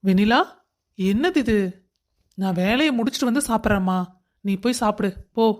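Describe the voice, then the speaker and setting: A woman voicing a young, busy husband who coaxes and gently scolds his wife. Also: medium pitch, moderate pace, lightly acted. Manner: coaxing, affectionate scolding.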